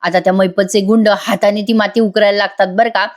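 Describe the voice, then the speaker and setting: A woman's voice: medium pitch, level tone, fairly quick. A woman narrating a chatty voice-over review of a TV serial, talking straight to viewers. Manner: chatty, addresses viewers directly. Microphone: voice-over studio mic.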